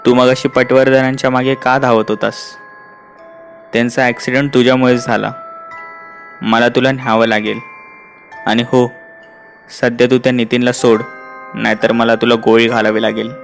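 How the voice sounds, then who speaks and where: A man's voice: mid-range voice, little pitch movement, moderate pace, gravelly, pauses often, faint music behind, close to an everyday voice. Brief: narrator doing a stern, commanding male police inspector.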